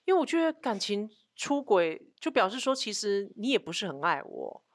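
A woman's voice: mid-range voice, big pitch swings, normal speed, no room sound, clean studio sound. A woman co-hosting a frank relationship chat, blunt and teasing. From Taiwan. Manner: blunt, teasing, asks for agreement often. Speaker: co-host.

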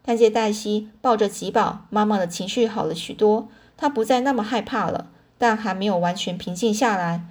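A woman reading a children's novel aloud in a chatty way, pausing to explain words and correcting herself. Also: medium pitch. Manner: pauses to explain words to listeners; chatty fillers, self-corrections. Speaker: storyteller.

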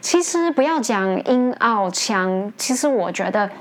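A woman teacher, hosting an English lesson in a chatty, casual way, often laughing and jumping up in pitch to stress points. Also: animated, unhurried.

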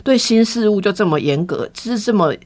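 A woman telling a personal story in casual podcast chat, candid and animated, acting out the quoted lines. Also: mid-range voice, brisk.

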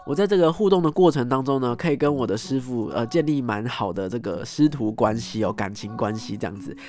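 A man telling a story as host, animated, acting out scenes and ending phrases with soft tag particles. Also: medium pitch, fairly quick. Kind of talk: casual storytelling monologue.

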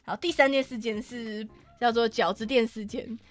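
A woman with a Taiwanese Mandarin accent, telling stories in a casual podcast chat, animated and swearing freely. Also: fairly high pitch, moderate pace, soft background music. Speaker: podcast co-host.

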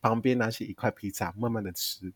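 A young man from Taiwan, co-hosting a casual chat podcast, telling stories in an animated, exaggerated way with frequent laughter. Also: on the low side, a little fast, dry recording, clean studio sound. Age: young adult. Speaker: podcast co-host.

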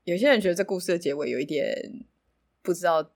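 Low voiced woman podcaster, chatty loose storytelling. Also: fast. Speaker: stand-in podcast host telling a story. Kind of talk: informal spoken storytelling.

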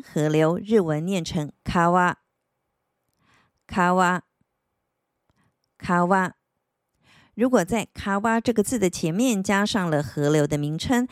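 A woman teaches vocabulary in a scripted lesson, saying each word several times in a slow, careful way. Her voice is recorded close and dry, with no room sound. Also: mid-range voice, no echo. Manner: repeats words slowly and clearly for practice. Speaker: Japanese language teacher. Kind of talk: scripted language lesson narration.

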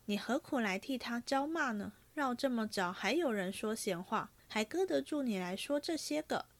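A woman reading aloud and voicing a moody, indulgent young nobleman in her own fast, fretful voice. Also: on the high side, expressive, dry recording.

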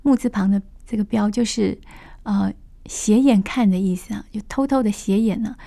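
A woman's voice: mid-range voice, normal speed, vocal fry, dark tone. A woman storyteller retelling a classic novel on radio, chatty, stopping to explain words with asides.

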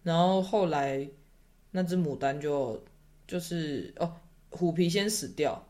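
A young man speaks in a slightly high voice. He tells a story in a loose, chatty way, trailing off mid-sentence and laughing along the way. It sounds like a relaxed podcast conversation. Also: slow. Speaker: podcast guest. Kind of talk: casual chat.

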